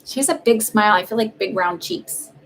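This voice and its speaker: A woman's voice: mid-range voice, fairly quick, rough recording. A woman doing a live-streamed psychic reading, chatting casually and meandering with many fillers. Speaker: psychic reader.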